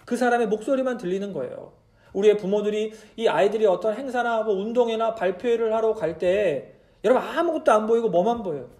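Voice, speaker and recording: Male pastor, midweek church sermon, very high voice, soft mellow tone, many rhetorical questions. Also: fairly quick. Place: church service.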